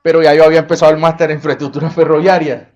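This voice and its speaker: A man's voice: fairly high pitch, little pitch movement, rapid-fire, darkish tone. Middle-aged Colombian coastal man, conference talk. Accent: Colombian coastal Spanish. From Colombian Caribbean coast. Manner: conversational, with frequent fillers and self-corrections. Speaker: conference speaker. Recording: slightly dull lo-fi sound.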